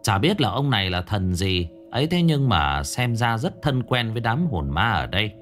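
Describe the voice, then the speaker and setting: Animated male ghost-story narrator. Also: lowish voice, moderate pace, soft background music.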